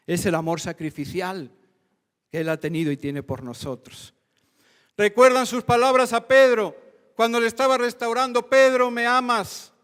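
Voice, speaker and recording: A male pastor with a Spain Spanish accent delivers a fervent sermon, building to emphatic repeated phrases. His voice sits fairly high for a man. A long hall reverb trails his words in the church hall. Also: a bit bright. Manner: fervent preaching with rising emphatic lists.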